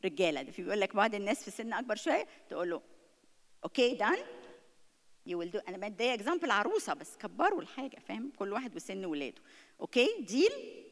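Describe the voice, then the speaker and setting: A woman with an Egyptian Arabic accent giving a church talk on disciplining children, switching often between Arabic and English. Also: medium pitch. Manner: lively, mixes Arabic with English words. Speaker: church speaker on parenting. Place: church hall. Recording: long hall reverb from church livestream.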